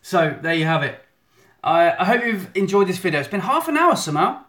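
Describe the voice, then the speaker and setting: A man's voice: high voice, big pitch swings, brisk, fairly bright tone. A photographer hosting a live Q&A on his phone, chatty and self-deprecating, with lots of restarts. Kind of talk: live stream Q&A chat. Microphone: phone in selfie mode.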